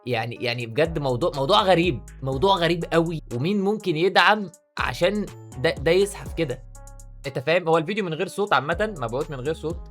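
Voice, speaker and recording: A man with an Egyptian accent, talking excitedly in a casual commentary vlog. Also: on the high side, soft background music. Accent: Egyptian Arabic. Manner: excitable, rapid-fire talk. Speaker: YouTuber.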